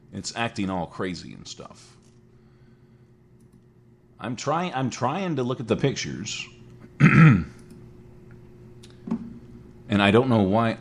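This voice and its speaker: With a fairly bright, medium-pitched voice, an internet radio host in his 40s runs a casual solo talk show. He rambles chattily and makes jokes at his own expense.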